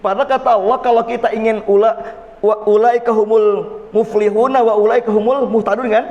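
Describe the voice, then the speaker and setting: High-voiced preacher in an echoing hall. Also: male voice, fairly even intonation, fairly quick, lo-fi sound. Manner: folksy, jokes with the audience, addresses "Pak". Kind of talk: mosque sermon to a congregation. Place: mosque. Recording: long reverb of a mosque hall.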